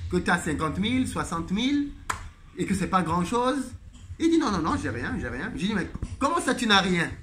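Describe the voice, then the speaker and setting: A man's voice: high-pitched, a bit bright, a little hiss or hum. A man host telling a story in a monologue, animatedly retelling a conversation with emphatic repetition.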